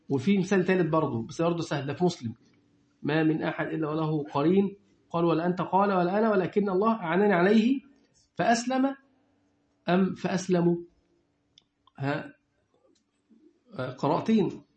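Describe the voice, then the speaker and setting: A male religious teacher with an Egyptian accent, lecturing a class and quizzing the students with quick questions. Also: a little high, darkish tone. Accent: Egyptian Arabic. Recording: echoey room, dull lo-fi sound.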